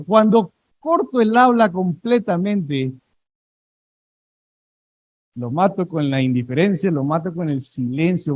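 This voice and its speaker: A man preaches from the pulpit, his voice pitched fairly high. He tells everyday stories with playful energy and calls on the congregation to echo his words. The sound is close and dry. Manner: lively storytelling, asks congregation to repeat words. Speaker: pastor. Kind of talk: sermon.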